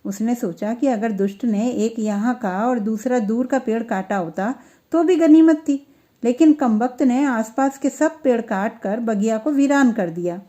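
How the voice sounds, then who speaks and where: A woman with a slightly high voice reads a classic story aloud in Hindi. Her storytelling is steady and measured, and her sentences end in soft drops.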